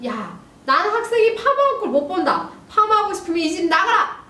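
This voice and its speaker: A woman's voice: high voice, animated, fairly quick, sharp tone, voice pushed up. A woman voicing a strict middle-aged father who scolds his daughter with stern commands. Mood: scolding. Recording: roomy, distant mic, faint hiss.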